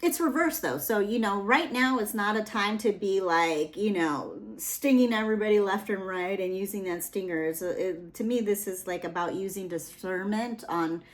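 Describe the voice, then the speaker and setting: A young adult woman gives a casual tarot reading, rambling and chatty and packed with fillers and asides. Her voice sits at a medium pitch, and she keeps a moderate pace with few pauses.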